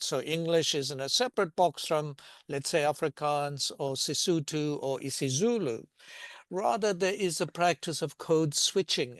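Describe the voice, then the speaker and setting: Older prof guy from south africa, kinda high voice, smooth and clear, dry close sound, thinks out loud slowly. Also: no room sound. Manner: measured and reflective, with hesitations. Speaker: linguistics professor, guest. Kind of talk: thoughtful panel discussion.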